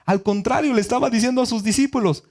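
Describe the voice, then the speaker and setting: A man teaches scripture in a relaxed sermon style. He explains things several ways over and checks in with his listeners often. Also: very high-pitched, fast. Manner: asks the audience frequent check-in questions; explains in a conversational, repetitive way. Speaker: teacher of a Torah study group.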